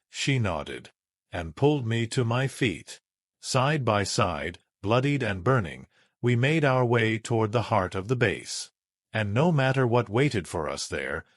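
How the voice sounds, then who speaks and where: A man reading a first-person sci-fi story aloud in a measured, dramatic way. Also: medium pitch, no room sound, studio quality. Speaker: narrator.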